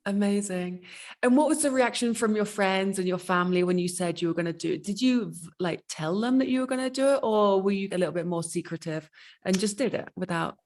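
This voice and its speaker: A woman hosting a casual interview, asking chatty questions and cheering her guest on with quick affirmations. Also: medium pitch, a little mellow. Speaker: interview host.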